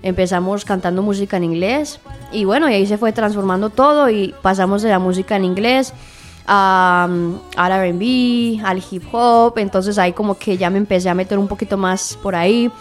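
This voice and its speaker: A woman's voice: medium pitch, normal speed, faint music behind. Chatty young woman singer. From Spain. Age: young adult. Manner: friendly, chatty, with frequent fillers and tag questions. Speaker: singer, interview guest. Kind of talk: radio interview.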